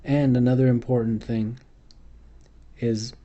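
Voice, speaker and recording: A man's voice: mid-range voice, steady tone, measured pace, dark tone, muffled recording. A man giving an unscripted medical exam tutorial over slides, hesitant and full of fillers and restarts. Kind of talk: unscripted instructional lecture.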